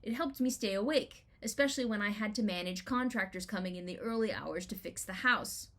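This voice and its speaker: At medium pitch, a woman reads aloud a personal essay she wrote, delivering it dramatically. The storytelling is deliberate and expressive, with rhetorical questions posed emphatically.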